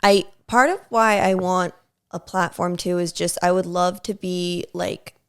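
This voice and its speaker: A young woman with a lowish voice and plenty of vocal fry speaks as a podcast guest. Her talk is casual and earnest, and she fills it with "like"s as she searches for words. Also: fairly even intonation, unhurried. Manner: earnest, filler-heavy talk with many "like"s. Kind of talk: casual interview chat.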